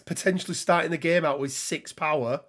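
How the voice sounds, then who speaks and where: A man's voice: fairly high pitch, steady tone, moderate pace, fairly bright tone, slightly rough. A man hosting a casual tabletop game talk, rambling and laughing as he reads card text, his voice a little worn. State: slightly losing his voice. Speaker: podcast host.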